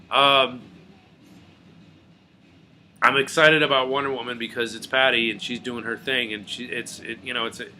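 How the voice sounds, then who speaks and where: A young man rambling in a casual, profane video rant, veering between low mutters and loud outbursts. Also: slight background noise. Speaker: video blogger.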